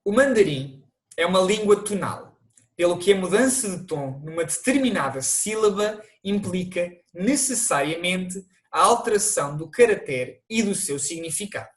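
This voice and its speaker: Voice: mid-range voice, lively intonation, moderate pace. A teacher with a European Portuguese accent, narrating an online language lesson and explaining things to viewers, with the odd restart.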